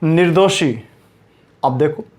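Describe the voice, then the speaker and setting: A male teacher giving a spelling lesson to exam students, slowly repeating each word for emphasis. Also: fairly high pitch, darkish tone. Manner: slow, repeats words for emphasis.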